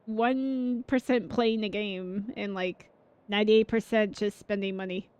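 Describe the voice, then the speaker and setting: A woman's voice: medium pitch, steady tone, a little slow, a little mellow, clean tone, dry recording, highs cut off. A woman streamer chatting casually on a gaming livestream, rambling and filler-heavy as she reacts to her viewers.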